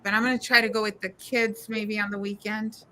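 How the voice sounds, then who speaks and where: A woman on a live video-call panel, talking in an animated and emphatic way, with a grown daughter. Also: medium pitch, a little fast, heavy background noise. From California. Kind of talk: casual panel chat.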